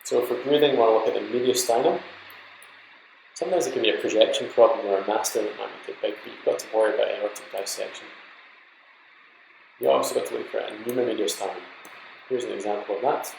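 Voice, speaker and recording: A medical lecturer with a low, notably creaky voice explains things step by step, informal and instructive, as though teaching trainee doctors from slides. He talks fast. The recording is roomy and echoey, with slight background noise.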